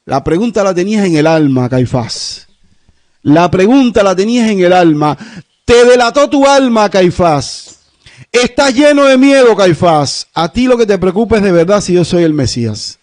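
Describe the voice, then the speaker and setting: A man voicing an accused man who calmly challenges his accuser with pointed rhetorical questions. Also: high-pitched, moderate pace. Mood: challenging.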